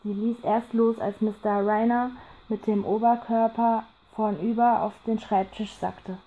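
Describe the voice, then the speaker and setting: A woman narrating a horror audiobook in a calm, measured storytelling voice. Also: a little high, slight background noise, low-quality recording.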